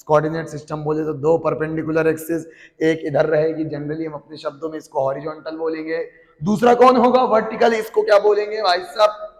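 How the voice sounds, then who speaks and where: A man's voice: on the high side, roomy sound, big-room sound. A man teaching a physics class, answering his own playful questions in a call-and-response way. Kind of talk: classroom lecture.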